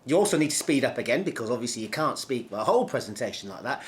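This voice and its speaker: This is a middle-aged male trainer giving a lesson on speaking. His pitch swings widely. He demonstrates each point as he goes, drawing words out and repeating them. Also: very animated. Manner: demonstrative, slows down and stretches words for emphasis, repeats key words. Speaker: presentation skills trainer. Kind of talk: instructional talk to camera.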